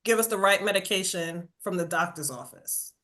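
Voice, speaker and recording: In a relaxed podcast interview, a burnout coach from Jamaica who speaks with a New York accent animatedly acts out quotes and keeps asking "right?". She talks at normal speed in a lowish voice.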